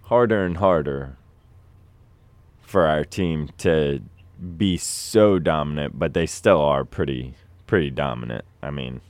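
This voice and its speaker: A man with a very low, unhurried voice hosts a casual sports chat. His delivery is relaxed and rambling, and his sound is clean and resonant in a dry, close space. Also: dry recording. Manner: relaxed, rambling, trails off and restarts. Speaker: show host.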